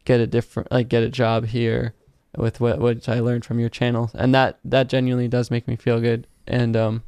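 A man hosting an interview, speaking in a relaxed, thoughtful way with frequent fillers. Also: medium pitch, normal speed, clear, resonant tone, no room sound. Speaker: interview host. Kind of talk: casual interview chat.

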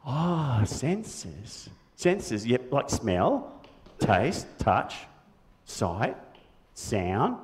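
A man's voice: mid-range voice, huge pitch swings, very slow, exaggerated voice. A man voicing Big Red, a cheeky, toy-mad children's puppet with an Australian accent, in a church puppet show. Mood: cheeky confused. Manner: bouncy, silly, easily confused, sings.

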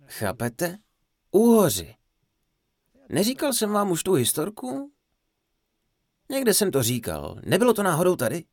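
A man giving a humorous dharma talk, telling a funny story in an animated, playful way. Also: high voice, gravelly. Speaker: Czech voice-over of a Buddhist teacher's talk.

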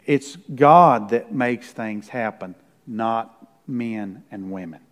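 A middle-aged pastor preaching a sermon. He reads scripture out loud with force, drops into quiet, low asides, and often checks in with his listeners with a "right?". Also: slow pace. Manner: conversational, often tags lines with "right?". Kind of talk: sermon with Bible reading.

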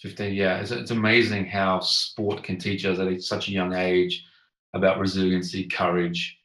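A man with a fairly low voice hosts a podcast interview. He talks earnestly and somewhat haltingly, in a conversational style, with a roomy echo around his voice. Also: flat delivery, fairly bright tone. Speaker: podcast host.

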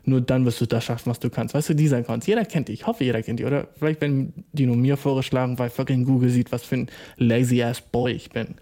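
Young guy ranting on his own show, swears nonstop, sarcastic, kinda mellow dark voice. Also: mid-range voice, fairly even intonation, quick pace, few pauses. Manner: profane, sarcastic, slangy. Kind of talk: solo comedic rant.

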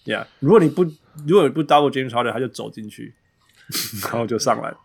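A male podcast host with a Taiwanese accent chats casually about sports, switching between Mandarin and English mid-sentence and repeating phrases for emphasis. His medium-pitched voice is expressive, brisk, and creaky, with a breathy edge.

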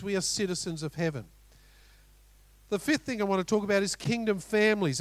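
A middle-aged Australian man preaching a sermon as pastor, animated, with rhetorical questions and storytelling asides. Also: high voice, no echo.

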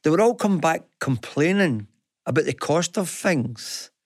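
A man's voice: a little high, lively intonation, a little slow, no echo. A Scottish man co-hosting a business talk radio show, chatting in a conversational way with frequent hesitations and restarts. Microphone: studio microphone.

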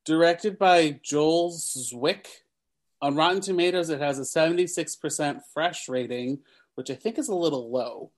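A man's voice: on the high side, normal speed. A man hosting a casual podcast chat, reading film facts and laughing off his slips over names. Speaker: podcast host.

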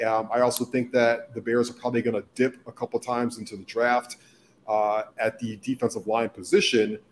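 Lower-voiced co-host with faint background hiss. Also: male voice, level tone. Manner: asks questions, then gives measured opinions. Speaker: substitute co-host. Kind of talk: casual football podcast talk.

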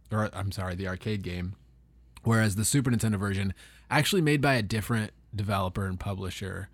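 Podcast co-host, male, lower voice, laid-back, dry close mic. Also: no room sound. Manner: laid-back, short agreeing replies. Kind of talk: casual chat about retro games.

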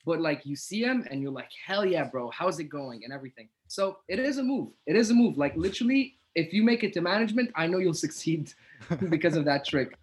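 A man's voice: high voice, lively intonation, quick pace. A young man co-hosting a podcast, telling casual stories in slangy talk peppered with "like" and "bro". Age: young adult. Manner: slangy, heavy use of "like" and "bro". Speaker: podcast co-host. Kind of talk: casual storytelling and banter.

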